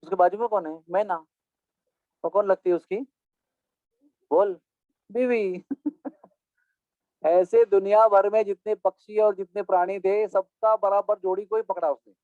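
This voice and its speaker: A man giving a devotional storytelling discourse as a spiritual teacher, animated and playful, mixing in English phrases. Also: sits high, measured pace, pauses often, no room sound. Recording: tinny phone-like dry sound.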